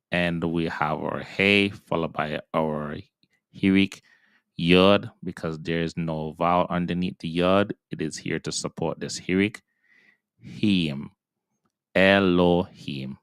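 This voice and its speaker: A man's voice: sits low, a bit bright, clean tone, dry recording, clean studio sound. A man teaching Hebrew reading in a patient, step-by-step pronunciation lesson, sounding out syllables and repeating them.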